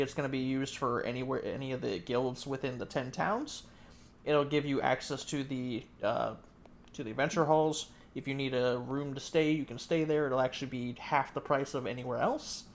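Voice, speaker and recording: A man narrating a tabletop role-playing game as dungeon master, explaining rules in a relaxed way with frequent fillers. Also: medium pitch, slight background noise.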